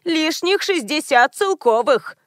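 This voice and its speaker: A woman's voice: high-pitched, slow pace, dry recording, clean studio sound, voice pushed up. A woman reading aloud and voicing a fussy, talkative elderly woman who likes to show off what she knows. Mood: chatty. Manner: lively and talkative. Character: fussy chatty elderly woman, a know-it-all.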